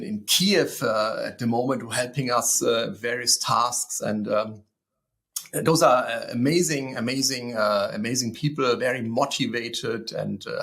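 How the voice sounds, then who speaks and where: Male host from East Germany, mid-pitched creaky voice, casual and halting. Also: a bit bright. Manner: hesitant, many uhs and repeats. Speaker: podcast host, interviewer. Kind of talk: casual interview chat.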